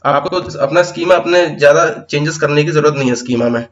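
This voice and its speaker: Quick-paced and somewhat high, this man's voice comes through on dull audio. He walks through an exam-prep pedagogy lesson one step at a time, blending in terms and often asking "theek hai."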